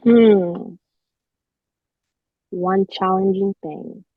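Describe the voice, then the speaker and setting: A Nigerian-born woman in her twenties, raised mostly in Canada, chats casually as a fashion designer guesting on a podcast. Her mid-range voice is very slow with fairly even intonation, and the audio is narrow and tinny with no room sound.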